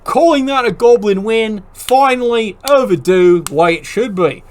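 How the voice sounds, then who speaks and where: High-voiced man with sardonic, profane banter. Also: expressive, moderate pace. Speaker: league commentator. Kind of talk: casual league roundup commentary.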